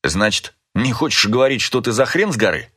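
A man voicing a suspicious, cocky young male partisan who talks in a gruff, threatening way and swears. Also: mid-range voice, very animated, fairly quick, bright, forceful tone. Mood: menacing.

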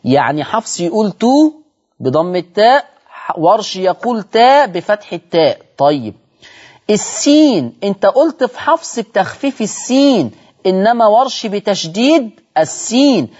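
A man's voice: sits high, very animated, moderate pace, a little mellow, breathy edge, muffled recording. A man with an Egyptian accent hosting a televised Quran recitation lesson, explaining step by step, repeating key points and asking viewers rhetorical questions. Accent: Egyptian Arabic. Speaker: Quran recitation teacher and show host.

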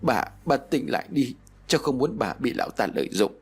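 Man voicing a desperate young grandson, raised strained voice, husky. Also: animated, brisk, faint music behind. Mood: pleading. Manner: pleading and defiant, strained higher voice.

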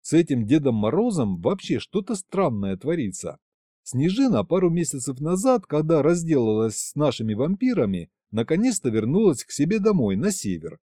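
A man narrating a first-person audiobook in a wry, conversational tone. His voice is warm and mellow and rises and falls a lot. The recording is close and dry. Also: on the high side, sing-song, normal speed, dry recording.

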